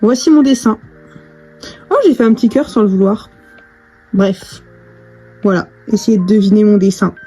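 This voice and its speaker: A woman's voice: mid-range voice, mellow. A young woman chatting casually to camera in a vlog, full of fillers and restarts. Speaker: vlogger.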